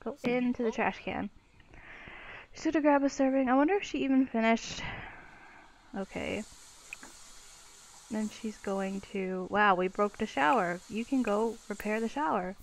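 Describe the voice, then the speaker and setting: A woman's voice: on the high side, a little slow, pauses often, slight background noise. A young woman giving casual, exclamatory commentary while playing a life-sim game, swearing freely. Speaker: let's play gamer.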